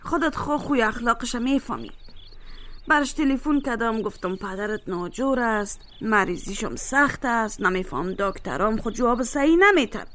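A weary middle-aged mother voiced by a woman speaks with an Afghan Dari accent in a fairly high voice. She talks in a soothing tone that turns to complaint in this audio drama. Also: lively intonation, a bit bright.

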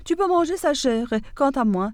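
A woman's voice: high-pitched, animated, normal speed, no room sound, pitched above the performer's own voice. A woman voicing a hungry, weakened male lion from a fable, making excuses and promises. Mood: excusing.

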